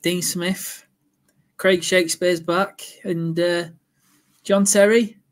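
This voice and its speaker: A man co-hosting a fantasy football podcast, chatting in an excitable, casual way. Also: high-pitched, slow pace. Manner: chatty, excitable, fan talk. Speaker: podcast co-host. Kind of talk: casual chat.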